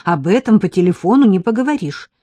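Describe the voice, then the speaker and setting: A woman's voice: medium pitch, expressive, fairly quick, no echo, pitched above the performer's own voice, lightly acted. A woman reading an audiobook, voicing a brash, worried young woman friend who talks sharply and pushes hard. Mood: pushy. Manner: sharp, pushy, sarcastic.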